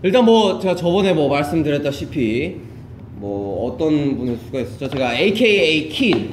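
A man's voice: a little high, big pitch swings, moderate pace. A young man hosting a casual livestream from a large practice room, teasing and laughing often, picked up by a phone camera on the floor. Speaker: livestream host. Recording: roomy echo with faint noise.

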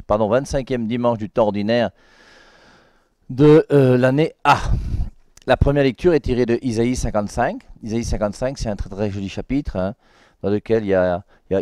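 Dark-voiced French priest preaching. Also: male voice, mid-range voice, dry recording, studio quality. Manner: conversational, with frequent "hein" and repeated words; reads scripture aloud slowly and emphatically. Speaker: priest giving a Sunday liturgy commentary. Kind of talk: spoken Bible commentary.

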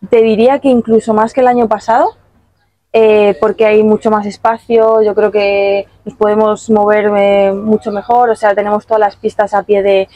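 A young woman padel player answering interview questions after a match, calm and measured, with many fillers, outdoors at a tournament stand on a handheld mic. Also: medium pitch, dry recording, rough recording.

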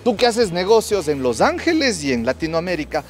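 A man's voice: sits high, sing-song, brisk, soft background music. A man in his thirties with an Ecuadorian accent, hosting an enthusiastic, slangy street interview with a handheld mic outdoors. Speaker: host and interviewer. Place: city street outdoors by film trailers. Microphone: handheld microphone.

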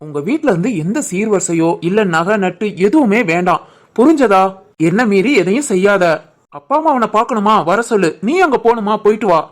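A woman voicing a protective young village husband in an animated family drama, firm and commanding, with a southern Tamil Nadu village dialect. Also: mid-range voice, fairly quick, lightly acted.

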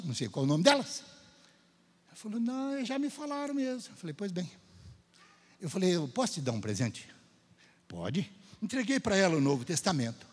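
In a church, a Brazilian man gives his testimony as a sermon, his husky, somewhat high voice rising and falling as he plays out each conversation. He is the Gideon speaker, telling the story with lively energy, and the sanctuary's long reverb lingers after his words.

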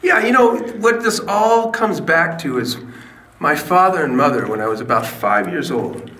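A man's voice: on the high side, expressive, moderate pace, bright, forceful tone, echoey room. A man who runs a haunted attraction, chatting casually in an interview about how it started. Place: dark stone-walled haunted attraction, indoors.

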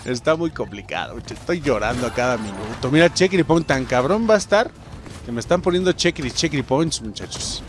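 A man's voice: mid-range voice, brisk. A young man with a Mexican accent giving casual let's-play commentary, swearing and yelping at his mistakes and talking straight to his viewers. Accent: Mexican Spanish. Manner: excitable, swears and yelps at mistakes, talks to viewers. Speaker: gameplay streamer.

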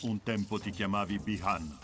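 Male actor as robotic killer cyborg, video game, cold, terse, loud music behind. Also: fairly low pitch, normal speed, close to an everyday voice. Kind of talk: video game character dialogue.

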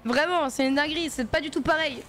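A woman's voice: high voice, a little fast, fairly bright tone, faint music behind. A woman streaming a game, chatting loosely with her viewers in slangy talk while she plays. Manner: chatty, slangy, talks to chat while playing. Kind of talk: casual gaming stream chat.

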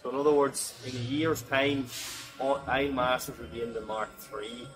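An older man explains machinery in a big indoor warehouse, his voice at a middling pitch. He talks in an explanatory way and often repeats a word or two before a sentence gets going. The sound comes from a camera held close by. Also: flat delivery, moderate pace, a bit bright, slight background noise, poor audio. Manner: explanatory, repeats words when starting sentences. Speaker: forklift dealer expert. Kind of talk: on-site demonstration interview. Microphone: 360 camera nearby.

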